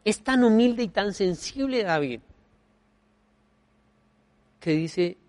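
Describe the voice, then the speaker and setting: A male pastor delivering a sermon in a somewhat high voice, pressing his points with sudden rises in loudness before dropping back to a quiet tone. He returns to short refrains to drive each point home, and the sound is close and dry with no room echo. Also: expressive, slow. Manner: emphatic preaching with wide swings in loudness; repeats key phrases as rhetorical refrains.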